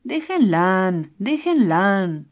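A woman voicing a drunk, boastful rural man who rambles loudly and drags out his words. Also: mid-range voice, very animated. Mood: pleading. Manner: loud, drawn-out, rambling. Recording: dull lo-fi recording.

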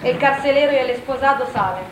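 A woman narrates a stage drama from a script in a high voice. The room echoes, and noise is clearly audible behind her. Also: quick pace.

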